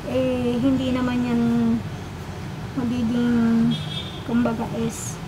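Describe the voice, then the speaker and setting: Middle-aged Filipino woman vlogger, muffled through a face mask, casual and chatty, clear background noise. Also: on the high side, monotone, takes it slowly. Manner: chatty, mixes English and Tagalog, playful asides. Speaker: vlogger reviewing a product. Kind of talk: casual product demo.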